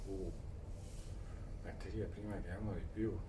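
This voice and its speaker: A man in his forties with an Argentine Spanish accent speaks in a low, unhurried voice as an interview guest. He gropes for words and slips between languages as a native Spanish speaker. The sound is echoey and distant from the microphone. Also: steady tone, mellow. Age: 40s. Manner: halting, searching for words, switching between languages. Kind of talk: casual interview talk in mixed languages. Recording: roomy echo, distant mic, faint noise.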